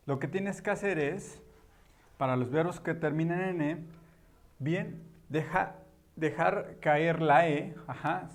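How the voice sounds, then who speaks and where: A man teaching a grammar lesson at a board, patient and repetitive, with frequent affirming fillers. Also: a little high. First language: Spanish. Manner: patient, repeats key words, many "ujú" and "ajá" fillers. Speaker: English teacher.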